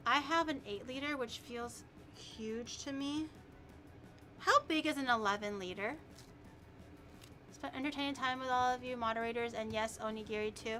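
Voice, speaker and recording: A woman's voice: a little high, normal speed, pauses often, sharp tone, soft background music. A woman hosting a casual cooking live stream, chatting in a playful, teasing way and swearing casually.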